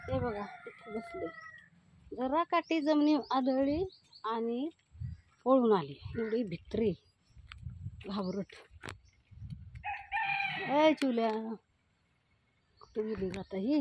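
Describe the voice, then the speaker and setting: A woman's voice: on the high side, takes it slowly, long pauses, muffled recording, slight background noise. A woman walking through a village lane while filming a casual vlog, calling out to animals and chatting with neighbours. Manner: calls out loudly to cats and hens, chats with neighbours. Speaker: village vlogger.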